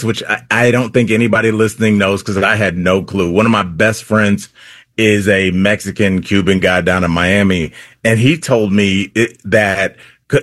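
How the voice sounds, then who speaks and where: A man's voice: on the low side, a bit bright, no room sound. Comedian guy on a talk show, rambly, lots of like's, dry mic. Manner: rambling, filler-heavy storytelling. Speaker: comedian guest. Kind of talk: casual talk show chat.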